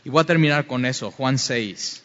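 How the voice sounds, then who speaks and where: A man's voice: mid-range voice, moderate pace. Guy preaching hard in a big echoey hall, kinda muffled sound. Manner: fervent, rising to loud emphatic preaching. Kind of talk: sermon. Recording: dull, reverberant hall sound.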